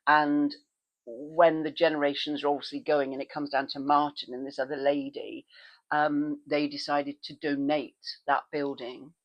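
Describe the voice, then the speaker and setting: A woman's voice: normal speed, highs cut off. A woman vlogging in a casual chat, rambling through asides and restarts. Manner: animated, with sudden pitch leaps when excited.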